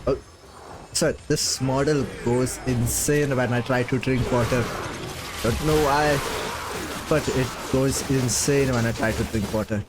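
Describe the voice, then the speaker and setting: A man who isn't a native English speaker streams a game and chats casually, rambling with many fillers and little laughs. His medium-pitched voice stays steady at a measured pace, and game music plays in the noisy background.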